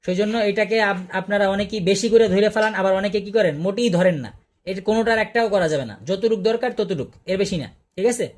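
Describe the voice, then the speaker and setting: A man's voice: high-pitched, fairly quick. Man, Quran recitation teacher, online class, patient, repeats sounds, asks the class questions, video call audio.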